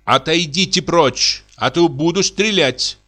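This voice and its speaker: A man's voice: a little high, measured pace, sharp tone, pitched above the performer's own voice. A man voicing a hot-tempered young widow in indignant, wavering outbursts, as in an audiobook drama reading.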